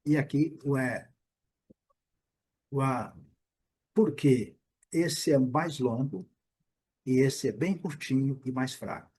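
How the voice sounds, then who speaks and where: A man teaching English pronunciation in Portuguese, patiently repeating each word slowly and correcting himself as he goes. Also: mid-range voice, warm tone, husky. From Brazil. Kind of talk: explaining pronunciation with repeated examples.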